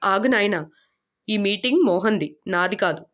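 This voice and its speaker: A woman's voice: medium pitch, moderate pace, fairly bright tone, close to an everyday voice. Woman reading as a dry, touchy male lecturer.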